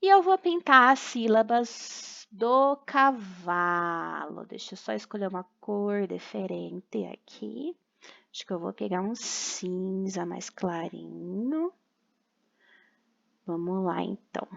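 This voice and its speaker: Woman, young, Brazilian Portuguese accent, teacher, very slow, patient syllable-by-syllable speech, bright tone, dull lo-fi recording. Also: medium pitch, gravelly. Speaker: primary school teacher. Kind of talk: recorded remote class for children.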